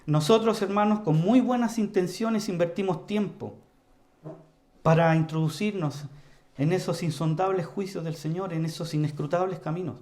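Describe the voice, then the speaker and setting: A man preaching an earnest, emphatic sermon to his congregation, repeatedly calling them brothers and moving between loud emphasis and quiet, low passages. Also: moderate pace. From Chile. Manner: earnest, emphatic, often addresses the congregation as "hermanos"; varies volume widely, rising to loud emphasis and dropping low.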